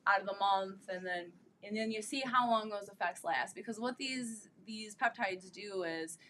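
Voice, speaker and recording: Thirties woman on a podcast, bright forward voice, chatty, tons of "like" and "you know", little hiss behind. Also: medium pitch, moderate pace. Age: 30s. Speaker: podcast guest. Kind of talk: casual podcast chat.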